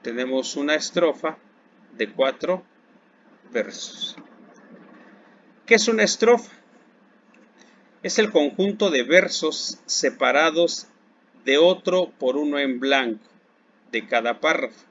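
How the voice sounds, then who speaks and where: Slow, deliberate male Mexican teacher. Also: fairly high pitch, lively intonation, fairly bright tone. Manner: slow, deliberate, asks questions and then answers them. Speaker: secondary school Spanish teacher. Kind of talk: recorded classroom lesson. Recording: dull lo-fi recording with faint background hiss.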